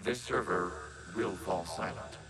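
A man voicing a calm, emotionless synthetic machine collective in a video game, speaking in flat, clipped, precise announcements. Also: low voice, unhurried. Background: loud game music.

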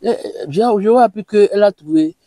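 An actor playing a heartbroken young husband who speaks in a hesitant, halting way. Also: male voice, high voice, mellow, dry recording, lightly acted, low-quality recording. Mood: worried.

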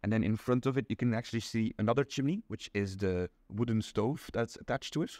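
Young Belgian man, guest; lowish voice, dry close sound, patient and methodical, filler-heavy explanations. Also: a little fast, a little mellow, no echo. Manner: patient, explains step by step with many ums. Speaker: interview guest. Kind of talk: casual explanatory chat. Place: small indoor room.

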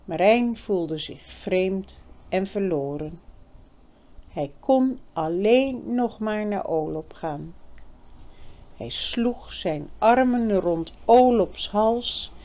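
A woman reading a children's novel aloud, narrating in a measured, expressive way. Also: mid-range voice. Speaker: audiobook reader. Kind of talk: storybook narration.

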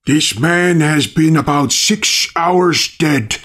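A man's voice: a little high, slow, fairly bright tone, voice pushed up. A man doing a grave, clinical tall doctor.

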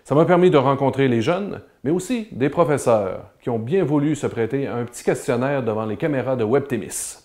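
A man's voice: mid-range voice, expressive, fairly quick, few pauses, darkish tone. A man, presenting a video and asking interview questions in an upbeat way. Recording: echoey room, faint ambient noise.

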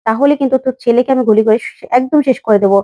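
A woman's voice: fairly high pitch, very fast, mellow. A woman retelling a TV serial episode, voicing each character's lines in her own voice.

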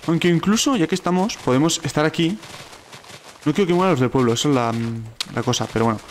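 A man with a Spain Spanish accent giving let's play commentary as a gaming YouTuber, excitable and quick to repeat words when something alarms him. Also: mid-range voice, slight background noise.

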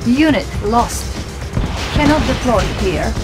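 A woman voicing a calm female base computer that gives clipped, even status announcements through a processed computer voice over game music. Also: a little high, slow. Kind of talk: video game voice prompts. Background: game music and sound effects.

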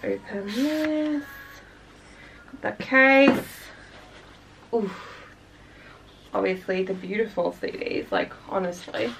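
A woman's voice: mid-range voice, animated, slow, creaky, long pauses, a bit bright, far from the mic, a little hiss or hum, poor audio. A young woman from Australia gushing and chatting casually while unboxing albums for her vlog, full of fillers and sighs. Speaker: K-pop reaction vlogger.

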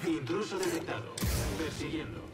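A stern security droid, voiced by a man, barks short, cold status reports in a flat mechanical manner. The voice sits a little high for a man. Game music plays steadily behind it. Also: moderate pace, natural voice. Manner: clipped, flat machine announcements. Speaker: enemy droid in a video game.

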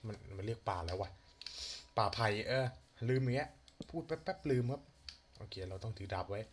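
A young man casually talking to himself while playing a game, chatty with quick exclamations and light swearing. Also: fairly low pitch. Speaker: gaming channel host. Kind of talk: casual let's-play commentary. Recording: faint fan noise and key clicks. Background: computer fan hum and keyboard clicks.

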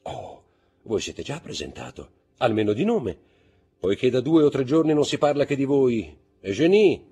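A man reading aloud and voicing a vain, curious middle-aged baroness who presses for gossip in a raised, quick voice. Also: mid-range voice, very animated, warm tone, soft background music, pitched above the performer's own voice. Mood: insistent, gushing.

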